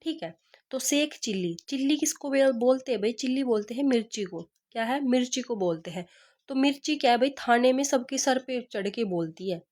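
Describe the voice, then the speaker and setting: A woman's voice: fairly high pitch, expressive, brisk, a little mellow. Woman teaching with repeated questions. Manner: repeats questions and answers, asks rhetorical "kya hai?". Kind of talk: exam-prep lesson with memory tricks.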